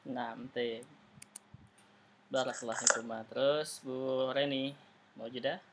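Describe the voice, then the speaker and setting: A man's voice: medium pitch, little pitch movement, slow pace, fairly bright tone, slight background noise. A man with an Indonesian accent teaching Arabic in an online class, patiently correcting students and modeling phrases with rising question tones.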